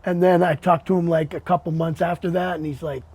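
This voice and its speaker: A man hosting a podcast interview, chatting in a relaxed way, often repeating words and calling his guest "man". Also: a little high, brisk, husky. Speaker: podcast host. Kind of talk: casual interview chat.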